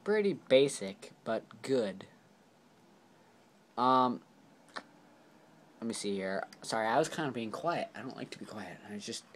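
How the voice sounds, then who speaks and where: A man with a medium-pitched voice reviews action figures on camera for a casual toy vlog, rambling along with plenty of fillers and apologies. There's slight background noise.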